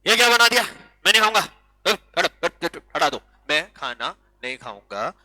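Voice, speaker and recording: A man's voice: high-pitched, very animated, normal speed, no echo, heavily acted. A man doing a whiny, petulant schoolkid. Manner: petulant, shouting refusals. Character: whiny schoolchild refusing lunch from mother.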